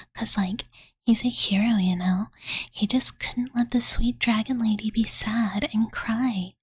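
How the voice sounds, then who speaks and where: In a cozy ASMR roleplay, a woman plays a cute, devoted young dragon girl softly telling her master a bedtime story. Her mid-range voice is a soft, breathy whisper, and her soothing, cutesy speech is loaded with valley-girl fillers and references to herself in the third person. It's captured on a close-up studio condenser mic, dry with no room sound.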